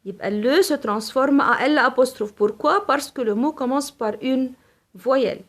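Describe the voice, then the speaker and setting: A woman's voice: sits high, normal speed. A woman teaching a French grammar lesson, spelling out letters and listing examples one by one. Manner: switches between French, Arabic and English to explain. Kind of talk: slow, deliberate classroom lesson.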